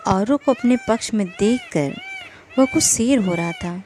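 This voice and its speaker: A woman narrating a novel as an audiobook, in a measured storytelling manner. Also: fairly high pitch, huge pitch swings, darkish tone, a little hiss or hum.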